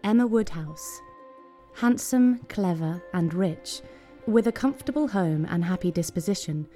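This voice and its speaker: A woman giving a measured, even scripted narration. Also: fairly low pitch, faint music behind.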